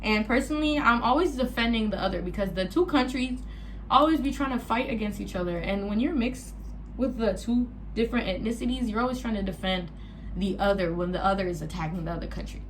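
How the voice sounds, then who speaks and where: A young woman, a native French speaker born in Gabon to Congolese parents, chatting casually through a get-ready-with-me Q&A vlog with animated asides. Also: medium pitch, brisk, slight background noise, rough recording. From born in Gabon to Congolese parents, raised partly in the US. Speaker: vlogger.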